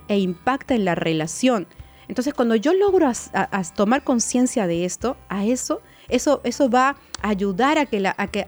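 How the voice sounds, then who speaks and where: A woman psychologist with a mid-range, slightly mellow voice gives relationship advice to viewers, speaking straight to the listener in a coaching tone. She often repeats words and checks for agreement.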